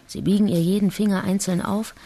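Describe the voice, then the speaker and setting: A woman giving a calm, measured documentary narration. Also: mid-range voice, crowd noise.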